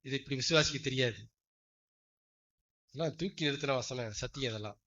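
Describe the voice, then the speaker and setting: A man preaching a sermon, dropping to quiet asides and then rising to loud, stressed lines, often checking that listeners follow. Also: a little fast. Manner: emphatic, swings from low asides to loud stressed phrases; questions the congregation often. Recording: dull lo-fi recording.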